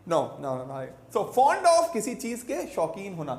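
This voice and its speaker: Male English teacher, grammar lesson, unhurried, echoey classroom sound. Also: high voice, huge pitch swings, a little mellow. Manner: mixes Urdu and English, drags out English examples slowly word by word. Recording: echoey room.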